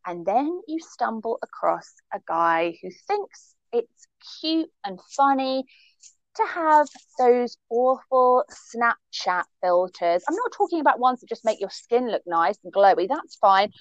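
A woman co-hosts a casual chat in a bright, fairly high voice that ranges widely. She talks with emphatic, laughing energy. The recording sounds dull and dry. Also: sing-song, a little slow, no room sound. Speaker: podcast co-host.

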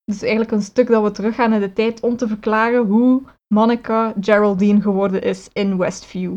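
A woman's voice: mid-range voice, fairly even intonation, brisk, darkish tone, lo-fi sound. A woman recapping a series episode on a podcast, rambling and correcting herself with many fillers. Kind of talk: casual chat.

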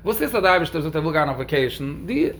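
A man with a high, quick voice gives a religious talk and answers questions. He speaks emphatically and keeps pushing the stress up on key words. Faint noise sits behind him. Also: expressive, a bit bright.

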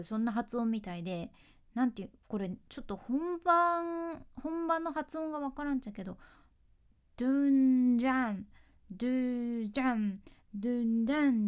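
Woman, a former announcer doing a relaxed solo chat, slightly high voice, chatty and easily amused. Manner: chatty, laughs often, asks listeners questions. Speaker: freelance announcer and speaking coach.

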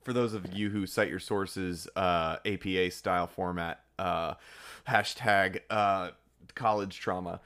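A man co-hosting a casual geeky discussion in a jokey, excitable way. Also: low voice. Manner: jokey, excitable, quick to laugh. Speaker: podcast co-host.

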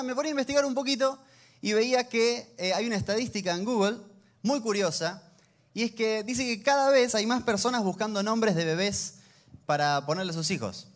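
Man in his 30s, high-pitched, relaxed joking preacher. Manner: conversational, humorous storytelling. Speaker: pastor. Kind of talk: sermon.

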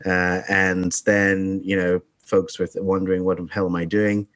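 A man's voice: deep voice, flat delivery, normal speed, fairly bright tone. A man in his twenties from Barbados, a podcast guest talking about himself with many ums and restarts. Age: 20s. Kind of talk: casual interview talk.

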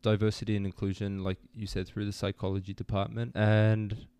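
A young man born in New Zealand, a student guest telling his story in a relaxed, easygoing way on an interview podcast. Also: lowish voice, fairly quick, clean tone, no room sound. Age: young adult. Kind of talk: casual interview.

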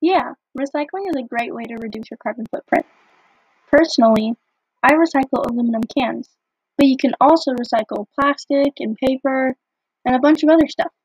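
A woman co-hosting a podcast in a casual, scripted chat, often filling with "like", recorded over a low-quality phone line. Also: brisk, darkish tone, slightly rough, no room sound. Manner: chatty, fills with "like". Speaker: podcast co-host. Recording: muffled dry phone-line audio.

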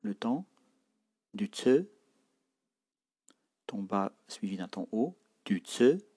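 Slow husky guy teaching tones, says each word then repeats it, low voice. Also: animated, warm tone. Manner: models words and tones in isolation, then repeats them; explains pronunciation patiently. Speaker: Tibetan language teacher. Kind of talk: slow spoken language lesson.

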